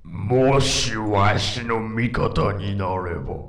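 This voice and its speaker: A man voicing a menacing old demon king with a slow, pompous, archaic way of speaking and an added reverb effect. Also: lowish voice, vocal fry, fairly bright tone, voice pushed down, heavily acted. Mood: tempting. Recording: echoey effected voice.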